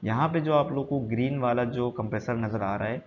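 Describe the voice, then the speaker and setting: A man's voice: medium pitch, a little fast. Male instructor, plain mid voice, explanatory slide lesson, faint hiss. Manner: repetitive, explanatory, mixes English terms into Hindi. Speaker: HVAC instructor. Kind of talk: slide-based technical lesson. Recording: dull lo-fi sound with faint noise.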